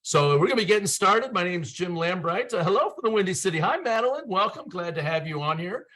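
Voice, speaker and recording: A man's voice: sits high, lively intonation, fast, fairly bright tone. A middle-aged man from Ohio hosting an online meeting, upbeat, folksy and joking, talking over a video call. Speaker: webinar host.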